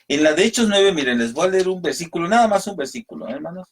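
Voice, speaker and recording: A man's voice: a little high, lively intonation, fast. A man teaching a radio Bible study, explaining patiently, calling listeners brothers and reading scripture aloud. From Mexico.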